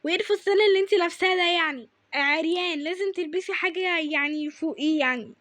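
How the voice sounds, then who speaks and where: A woman's voice: very high voice, racing, a bit bright, no echo. A woman playing a strict, scolding Egyptian mother. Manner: scolding, nagging, insistent.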